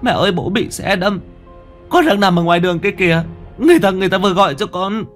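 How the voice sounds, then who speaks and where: A man's voice: high-pitched, quick pace, a bit bright, faint music behind, pitched above the performer's own voice. A man doing a sobbing, frantic young woman. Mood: sobbing panic. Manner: frantic, stammering. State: crying. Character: panicked young woman, a grieving daughter.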